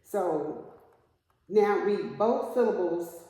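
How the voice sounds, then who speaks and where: Woman tutor, patient and questioning, mellow tone, echoey reverberant room. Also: mid-range voice, takes it slowly. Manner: patient, asks questions and repeats the student's answers. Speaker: reading teacher. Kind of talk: one-on-one phonics lesson.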